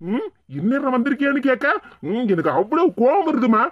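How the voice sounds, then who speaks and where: A woman's voice: high voice, sing-song, a little fast, no room sound, lo-fi sound. A woman voicing a stubborn, angry young husband in Tirunelveli Tamil. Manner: insistent, hot-tempered.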